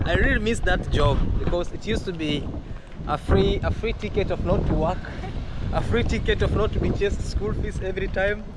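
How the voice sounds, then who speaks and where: A man's voice: high-pitched, moderate pace. A man with a Kenyan accent chatting casually for a vlog, exclaiming and easily impressed. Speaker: vlogger visiting a university. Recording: very noisy outdoors, wind and engine.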